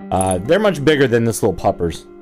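A man streaming from home in casual chat, jokey and animated, talking to his viewers and his pets. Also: medium pitch, brisk, faint music behind. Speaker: streamer and voice actor. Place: at home, indoors.

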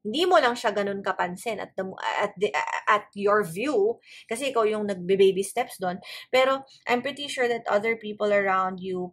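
A woman with a Filipino accent gives a casual tarot reading, switching between English and Tagalog in the middle of her sentences. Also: medium pitch. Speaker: tarot card reader. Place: indoors at a wooden table, hands and cards seen from above.

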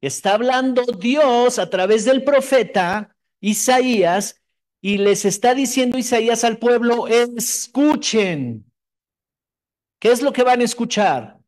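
Man preaching an emphatic sermon, high voice. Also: a little mellow. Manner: emphatic, repeats phrases for emphasis, shifts from fast asides to slow stressed words. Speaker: pastor.

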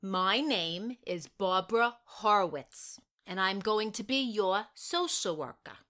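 A woman playing a friendly social worker who talks softly and gently to a child. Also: medium pitch, lively intonation, slow pace. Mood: gentle. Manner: gentle, soft, speaking to a child.

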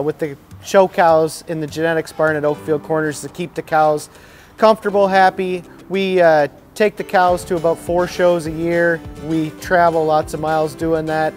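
A man in his thirties who looks after show cows, explaining his work in a barn in a plain, friendly way. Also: a little high. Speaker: show cow caretaker. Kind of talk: casual explainer to camera. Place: large indoor barn.

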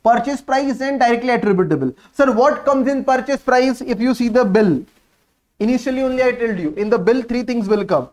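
High-pitched North Indian man teaching. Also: animated, fairly quick, a little mellow. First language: Hindi. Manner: instructive, repeats key phrases and asks himself questions; mixes Hindi words into English. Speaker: accountancy teacher. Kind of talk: lively classroom exam coaching, working through problems.

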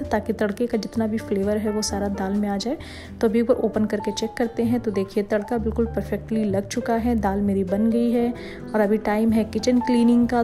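This young vlogger from India has a Rajasthani accent and a mid-range voice. She narrates a cooking vlog, calmly and steadily explaining each step in turn.

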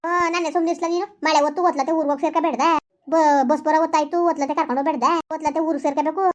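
A woman playing an elderly village woman with a rural Karnataka accent who sends off the bride in a comedy skit, giving fast, bossy advice and scolding. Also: high-pitched, little pitch movement, lightly acted. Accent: rural Karnataka Kannada. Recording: dull lo-fi recording.

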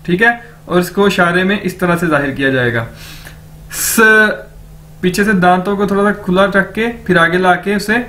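A man's voice: high-pitched, fairly bright tone. A man teaching a beginner language lesson, patiently explaining pronunciation and repeating each word several times.

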